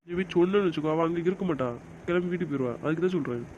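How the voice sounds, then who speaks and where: A man's voice: fairly high pitch, rapid-fire, a little mellow, dull audio. A young man with a slightly raised voice plays a doting father. He coos and coaxes in baby talk. Faint background noise sits under the voice. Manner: coaxing baby talk to his infant daughter. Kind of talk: amateur web drama acting.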